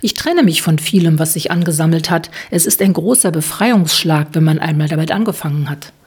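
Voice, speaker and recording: A woman voicing a relaxed, slightly evasive middle-aged man in an audiobook, in a breathy, husky voice. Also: sits low, brisk. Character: man in his fifties, evasive, easygoing tango dancer.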